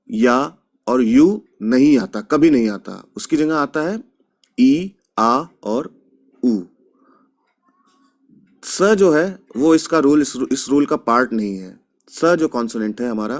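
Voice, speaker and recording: Speaking in a mid-range voice, an Indian man leads a language lesson at a slow, patient pace and says each example word over several times.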